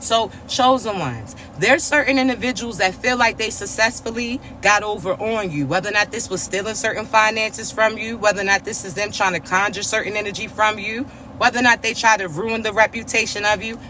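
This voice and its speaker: A man with a raspy, congested voice and a stuffy nose gives his viewers a spiritual reading, preaching slowly and repetitively and often stopping to ask "all right?" He's a spiritual reader and coach whose tone is high-pitched and sharp. There's slight background noise.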